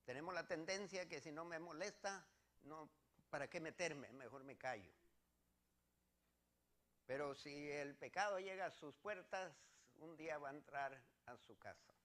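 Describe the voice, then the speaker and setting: A man's voice: fairly high pitch, unhurried, fairly bright tone. A man from Mexico, preaching a sermon as pastor and reading scripture verses with earnest repetition.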